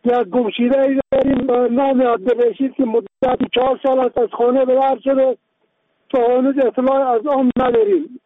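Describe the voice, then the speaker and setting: A man's voice: very high voice, no room sound. A man with an Afghan Dari accent calling in over a radio, formally reading out details and a phone number. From central Afghanistan. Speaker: caller. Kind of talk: call-in message. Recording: tinny dry phone line.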